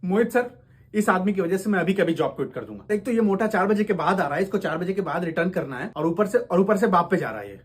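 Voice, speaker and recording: A man acting out comic sketches, bickering loudly and sounding exasperated. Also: sits high, expressive, fast, husky. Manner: switches between bickering characters, loud and exasperated. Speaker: comedy sketch creator playing all parts. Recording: echoey room.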